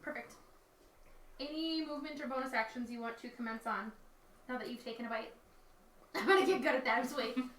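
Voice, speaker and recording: High, bright-voiced woman running a tabletop game. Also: fairly quick, pauses often. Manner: chatty, laughs often, self-correcting. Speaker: dungeon master. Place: dining room table with players. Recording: echoey room, mic far off, faint noise.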